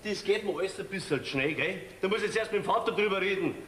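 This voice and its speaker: A man's voice: high voice, quick pace, a bit bright. An actor with a Bavarian accent playing a stubborn, grumbling farmer and father in a folk theater comedy. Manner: grumbling, gruff. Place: theater stage. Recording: echoey theater hall with faint noise.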